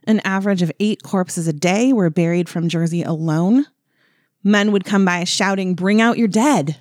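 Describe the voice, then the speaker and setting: A woman's voice: fairly low pitch, fairly even intonation, normal speed, darkish tone, no room sound, clean studio sound. A woman co-hosting a podcast, telling a history story casually with lots of fillers and wry asides. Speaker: podcast co-host.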